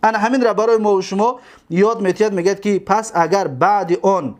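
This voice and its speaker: A man teaching a grammar lesson, repeating word forms slowly and asking his own questions. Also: high voice.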